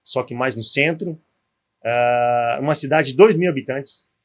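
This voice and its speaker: As a podcast guest, a former footballer in his forties recounts his story in an unhurried, mid-range voice. He has a gaúcho accent from southern Brazil and frequently adds tag questions.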